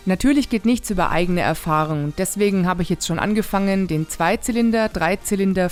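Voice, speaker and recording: Woman's explanatory vlog voice-over, faint music behind. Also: fairly low pitch. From Nuremberg area, Germany. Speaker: motorcycle vlogger, novice rider. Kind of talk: scripted voice-over introduction to viewers.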